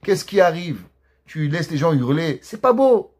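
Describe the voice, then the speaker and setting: A high, sharp-voiced old yeshiva head scolds his friend and starts yelling for his money, as a man acts him out in a story. The voice sits high and bristles with indignation. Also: very animated, unhurried, husky, exaggerated voice. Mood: scolding. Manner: scolding, then shouting demands.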